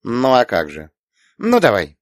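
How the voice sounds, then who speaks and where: A man reading an audiobook, voicing a gentle, thoughtful young woman who speaks softly and a little hesitantly. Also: mid-range voice, huge pitch swings, measured pace, no echo, studio quality, pitched above the performer's own voice. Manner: soft, hesitant, lifted voice. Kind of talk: audiobook character voice.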